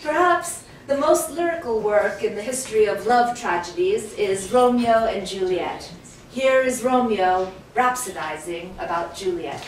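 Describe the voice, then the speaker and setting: A woman narrating theatre anecdotes in a lively, amused storytelling manner. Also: medium pitch, a little slow, slight background noise. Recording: very echoey room, distant mic.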